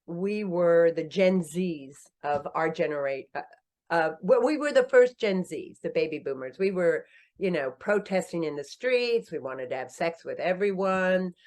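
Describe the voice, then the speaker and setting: An author and company founder in her sixties tells her story in a casual podcast interview, animated and self-deprecating. She laughs often, jumps up in pitch when joking, and speaks a little slowly.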